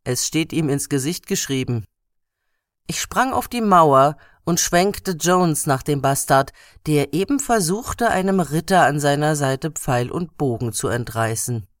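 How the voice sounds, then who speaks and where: A man's voice: fairly high pitch, animated, a little slow, hardly any pauses, no room sound, clean studio sound. Man narrating a comic story. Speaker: excerpt reader. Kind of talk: first-person audiobook narration.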